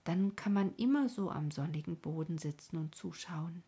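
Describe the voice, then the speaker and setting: A woman voicing a wistful, sad little boy in a bedtime story, breathy and softly whispered. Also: on the low side, moderate pace.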